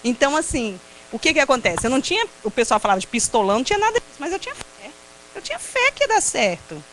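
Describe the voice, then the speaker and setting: Lively, fast-talking Brazilian woman storyteller. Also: sits high, a little hiss or hum, poor audio. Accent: Brazilian Portuguese. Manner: lively storyteller who laughs often and acts out quotes. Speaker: invited speaker at a prayer group. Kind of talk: personal testimony talk.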